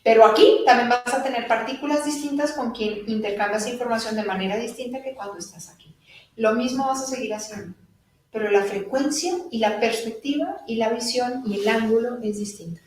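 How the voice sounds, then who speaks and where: A woman giving a live spiritual talk to an audience, animated and laughing as she acts out little dialogues. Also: a little high, brisk, slight background noise. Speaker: spiritual teacher. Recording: echoey room from a distant mic.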